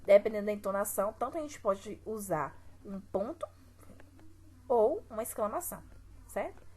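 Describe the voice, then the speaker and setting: Speaking at a normal pace, this Brazilian Portuguese-accented teacher has a medium-pitched, mellow, husky voice that is expressive. She takes her class through exercises step by step with patience, asking rhetorical questions along the way. It's a recorded classroom lesson, and the audio quality is poor.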